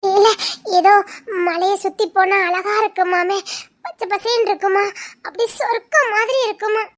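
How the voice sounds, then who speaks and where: A woman's voice: very high voice, steady tone, normal speed. A young woman with a Tirunelveli Tamil accent, playing a sheltered village girl who is emotional and full of wonder about the outside world. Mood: tearful. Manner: emotional, wistful, gushing with wonder. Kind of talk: web series drama acting.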